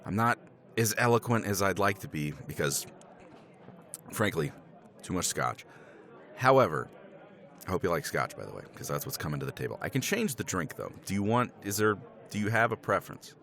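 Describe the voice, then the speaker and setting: Heavily acted, this roleplay character is a tipsy middle-aged professor, voiced by a man, who has been drinking scotch and rambles with chuckles and offhand swearing as he tries to persuade in a romance scene. The voice sits low, with a sing-song lilt, a moderate pace and a fairly bright tone.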